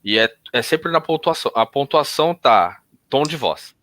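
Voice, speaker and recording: A man teaching techniques in a relaxed conversational way, often restarting sentences and changing his tone to show examples. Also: medium pitch, normal speed, no room sound. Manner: explains with hesitant restarts, demonstrates intonation shifts. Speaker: NLP instructor.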